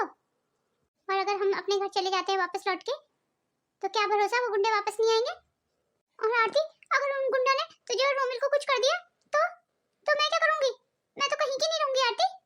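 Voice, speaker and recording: A gentle, humble older mother-in-law in a cartoon family drama, voiced by a woman. Her voice is very high. She speaks softly and reassuringly. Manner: soft, reassuring. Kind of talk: cartoon voice acting.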